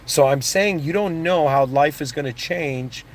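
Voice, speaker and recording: Born in Iran and raised in Canada, this man gives a casual motivational talk in a voice on the high side, at a measured pace. He rambles, restarting sentences, tossing in asides and saying "you know what I mean."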